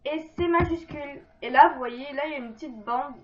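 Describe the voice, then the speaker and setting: Woman, high voice, rambling let's-play chatter, lots of fillers, muffled lo-fi recording. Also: a little fast. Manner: chatty, rambling, self-deprecating, many fillers. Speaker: gaming video creator. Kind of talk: casual let's-play tutorial. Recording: dull lo-fi mic with faint noise.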